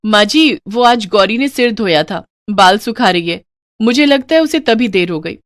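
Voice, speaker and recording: A woman's voice: medium pitch, animated, moderate pace, no echo, studio quality, lightly acted. A woman voicing a young elder sister-in-law in a cartoon story, who teases with false sympathy. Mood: excusing.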